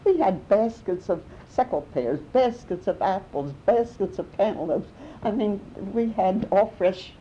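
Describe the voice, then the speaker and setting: A woman's voice: animated, measured pace, mellow. An older woman telling memories in an oral history interview, rambling along with restarts and small laughs. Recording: muffled with faint rumble.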